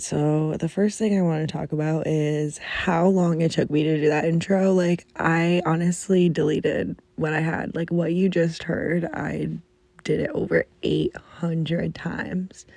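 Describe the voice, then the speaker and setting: A woman's voice: on the low side, gravelly, warm tone, dry recording. A young woman hosting a casual podcast from her bedroom, chatting and ranting in exasperation and swearing freely, recorded under a blanket. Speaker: podcast host. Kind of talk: casual chat. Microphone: muffled under a blanket.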